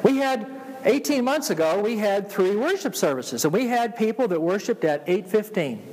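A male pastor with a Georgia Southern accent delivers a sermon in a high-pitched voice. He repeats key phrases and prompts listeners to answer him. His voice rings through a large hall with long reverb. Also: lively intonation, moderate pace, darkish tone, slightly rough. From Georgia, United States. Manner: call-and-response, repeats phrases for emphasis. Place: church, preaching to a congregation.

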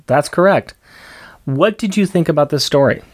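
A man's voice: on the high side, lively intonation, normal speed. A man co-hosting a casual podcast, who tends to repeat his phrases for emphasis. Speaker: podcast co-host.

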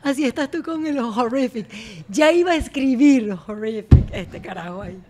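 A high-voiced woman hosts a relaxed, laughter-filled chat. She talks in an animated way, drops English words and phrases into her speech, and laughs easily. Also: normal speed, background noise. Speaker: host.

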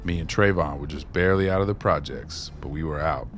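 A rumbling low, slightly bright male voice moves a little fast, with faint music in the background. It belongs to an actor voicing a wry, streetwise former maintenance man in radio play dialogue, reminiscing in a colloquial, folksy manner.

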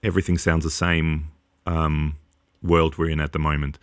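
A man's voice: extremely low pitch, flat delivery, normal speed, no echo, clean studio sound. A man in his forties co-hosting a podcast, giving earnest, long, rambling opinions in casual chat. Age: 40s. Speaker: podcast co-host.

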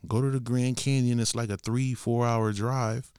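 A young man from Connecticut telling a casual travel story in a relaxed, slangy, animated way. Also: mid-range voice, moderate pace, clean tone, no room sound, clean studio sound. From Bridgeport, Connecticut.

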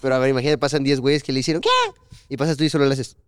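Young mexican dude, co-host, talks fast and slangy, super clear dry sound. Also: male voice, mid-range voice, no echo. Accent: Mexican Spanish. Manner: slangy, animated storyteller. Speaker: podcast co-host. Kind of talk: casual chat.

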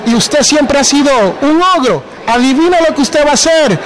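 A man's voice: extremely high pitch, normal speed, low-quality recording. A man hosting a podcast interview, chatting casually and slipping English words into his talk. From New Jersey. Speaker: podcast host.

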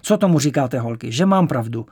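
A man reading an audiobook, voicing a brash, loud and teasing male poet character. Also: medium pitch, animated, husky, dry recording, studio quality. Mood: boisterous.

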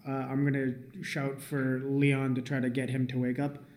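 A man chats casually as a tabletop player, dropping dry little jokes between his rolls. His mid-pitched voice sounds echoey over a faint hiss. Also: monotone, normal speed. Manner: wry, joking quips. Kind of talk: casual tabletop game chat.

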